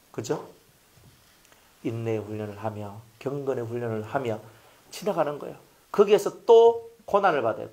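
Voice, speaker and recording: A man with a Gyeongsang accent preaching a sermon as a pastor, emphatic and full of rhetorical questions. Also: fairly high pitch. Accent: Gyeongsang Korean.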